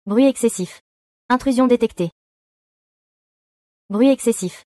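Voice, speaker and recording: A woman's voice: on the high side, a little slow, no room sound, clean studio sound. A woman voicing a stern security system alarm. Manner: clipped, flat, mechanical alerts. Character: stern female security system voice announcing an intrusion.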